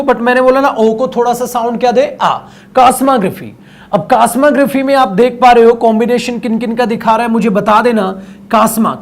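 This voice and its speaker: A male teacher giving an online vocabulary lesson, coaxing students to read along, repeating words and slowing down for English phrases. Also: very high voice. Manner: slows right down when speaking English phrases.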